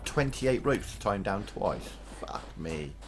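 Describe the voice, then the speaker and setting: A man's voice: low voice, sing-song, unhurried, gravelly, background noise. A man streaming a video game, grumbling and swearing his way through a profane rant. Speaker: gamer streaming a let's play. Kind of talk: let's play commentary. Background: game music.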